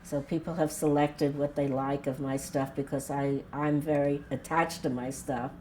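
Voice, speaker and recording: Her voice is low-pitched and mellow, level in tone and moderate in pace, with slight background noise. She's a Brooklyn native in her 80s, a retired nurse and death cafe organizer. Sitting at home for a documentary interview, she reflects frankly and plainly.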